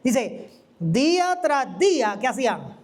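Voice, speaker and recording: A preacher gives an animated, conversational teaching sermon, asking the listener questions. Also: high voice, takes it slowly. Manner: animated, asks the listener questions and acts out quoted voices. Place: church.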